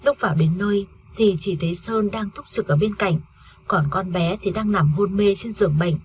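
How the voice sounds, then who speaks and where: A woman narrating a first-person family story in a steady, earnest reading voice. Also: medium pitch, normal speed, slight background noise.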